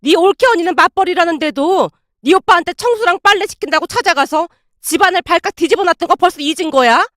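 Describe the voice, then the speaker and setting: A woman's voice: high voice, expressive, brisk, dry recording, studio quality. A woman voicing an older mother-in-law who scolds her daughter sharply. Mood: scolding.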